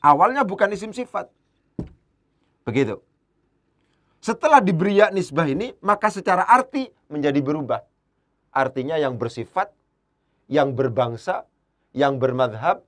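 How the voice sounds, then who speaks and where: A man's voice: animated, moderate pace, long pauses. A man giving an evening Arabic grammar lesson, patiently explaining and repeating key terms, his voice lifting whenever he stresses a point. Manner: rises in pitch and volume when driving a point home.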